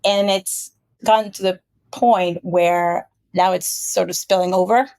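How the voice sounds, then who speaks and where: A woman's voice: on the low side, steady tone, measured pace, gravelly, a little mellow, no room sound. Chatty marketing executive woman from Puerto Rico. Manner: chatty, storytelling, frequent fillers. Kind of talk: casual interview.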